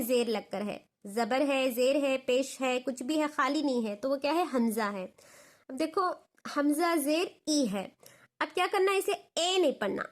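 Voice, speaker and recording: Woman, Dakhni Urdu accent, Quran reading teacher, high voice, repeats each syllable twice. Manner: spells each syllable twice, patient and deliberate; explains in quick asides between drills. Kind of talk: slow repeat-after-me recitation lesson.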